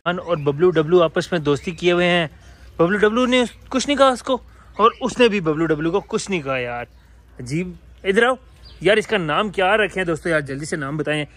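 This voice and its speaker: A man's voice: high voice, expressive, normal speed, fairly bright tone. A man vlogging about his pet birds and animals, chatting casually to viewers and coaxing the animals, repeating "yaar" constantly.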